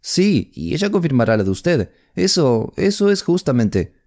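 A man's voice: fairly high pitch, very animated, normal speed, darkish tone, pitched above the performer's own voice. A man reading an audiobook voices a worried, decisive middle-aged mother who speaks firmly and with emphasis. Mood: urgent. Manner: urgent, firm, emphatic. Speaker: audiobook narrator voicing a character. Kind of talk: audiobook character voice.

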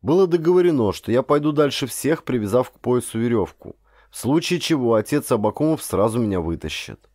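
A medium-pitched man with lively intonation talks a little fast, his slightly mellow voice captured in a dry, clean studio recording. This professional actor narrates an audiobook with storyteller drama, reading a script and then turning to address listeners.

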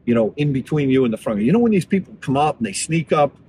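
A man's voice: medium pitch, lively intonation, fast talker, mellow, a little hiss or hum. A man talking casually from inside his car, rambling and thinking aloud as he drives and charges. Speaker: vlogger reviewing electric cars. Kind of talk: casual talk while driving.

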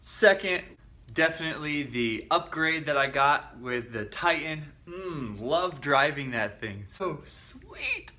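This young male travel vlogger's voice is a little high and sing-song, bright and forceful, and he talks slowly. He keeps things upbeat and playful, speaking into a handheld camera at arm's length as he moves between airports, a plane, a car and his hotel room.

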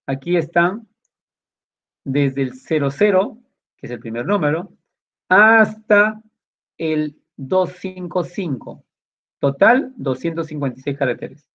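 A man teaching a computer class, walking students through each step and checking in with short questions. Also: fairly high pitch. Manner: explaining step by step, with many tag questions. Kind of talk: classroom lesson. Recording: dull lo-fi sound.

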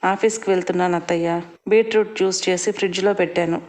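A woman voicing a caring working mother who speaks gently and reassuringly. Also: on the low side, steady tone, quick pace, natural voice.

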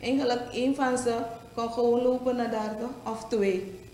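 A woman's voice: a little high, steady tone, moderate pace, mellow. A woman interviewed for a news report, recounting events hesitantly with fillers. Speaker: company employee interviewed. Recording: echoey with faint background noise.

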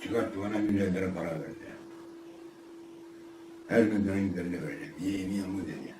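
A man's voice: deep voice, brisk, background noise. An older man from northeastern Turkey telling a rambling life story in casual chat, acting out the voices of the people in it and often repeating himself. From Ardahan, northeastern Turkey. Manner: rambling, acts out quoted dialogue, repeats himself. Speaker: storyteller being interviewed. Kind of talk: casual spoken memoir. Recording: roomy, distant mic, faint ambience.

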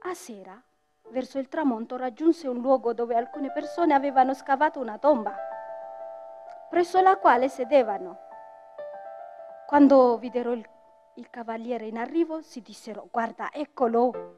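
A woman's voice: sits high, normal speed, long pauses, dark tone. A woman storyteller and writer on a theatre stage, reading a tale expressively and speaking directly to the audience. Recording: dull lo-fi stage recording with faint music.

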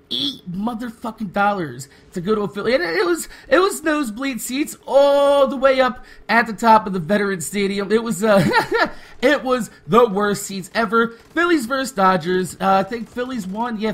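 A man's voice: very high voice, fairly bright tone. A man, talking casually and candidly over gameplay, rambling and swearing freely. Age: 20s. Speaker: gaming YouTuber.

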